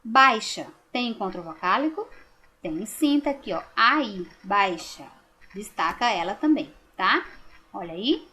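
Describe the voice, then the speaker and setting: A woman's voice: mid-range voice, expressive, a little slow, bright, forceful tone, a little hiss or hum. A woman teacher giving a recorded lesson to young children, speaking patiently and drawing out words. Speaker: primary school teacher.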